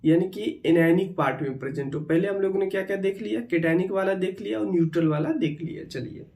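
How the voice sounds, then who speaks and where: A man gives a chemistry lesson with a mellow, slightly higher voice. He mixes in terms, repeats key words and keeps checking in with his students. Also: fast talker. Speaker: chemistry teacher. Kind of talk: online exam-prep lecture.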